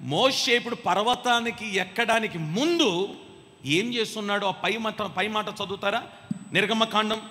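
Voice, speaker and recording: High bright-voiced man preaching. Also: normal speed. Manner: emphatic, calls the congregation to respond. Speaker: pastor. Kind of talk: sermon. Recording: long hall reverb.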